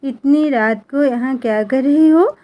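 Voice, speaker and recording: A woman voicing a young man as a gentle, worried husband in a storybook romance. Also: sits high, measured pace, dull audio. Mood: tender concern. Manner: gentle, coaxing.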